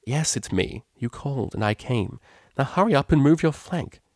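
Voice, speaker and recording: Brief: a man doing a proper young pony cellist, bossy and scolding, a touch higher, dry close sound. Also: expressive, moderate pace, darkish tone, no room sound, lightly acted. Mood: exasperated. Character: prim determined young female cellist pony. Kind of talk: audiobook character voice.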